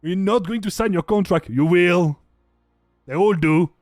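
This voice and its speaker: A man's voice: fairly high pitch, fast, no echo, studio quality, soft background music, lightly acted. A man voicing a cocky male rat possessed by the god of greed, taunting and smug.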